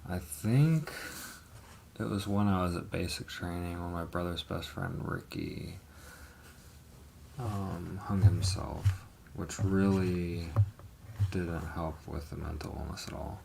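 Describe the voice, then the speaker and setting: A man with a low, gravelly voice talks slowly through his past on a live stream, trailing off and restarting with plenty of ums. Faint noise hums behind him. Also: a little mellow. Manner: slow, rambling, hesitant with many ums and swearing. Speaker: livestream host telling his life story. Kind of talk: casual live testimony.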